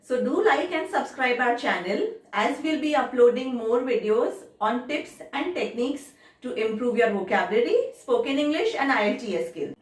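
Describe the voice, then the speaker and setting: A woman tutor giving a formal, measured lesson on speaking test tips. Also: a little high, expressive, recorded from a distance. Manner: formal, measured, instructive delivery. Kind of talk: instructional video lesson. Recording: very echoey room, voice set back from the mic.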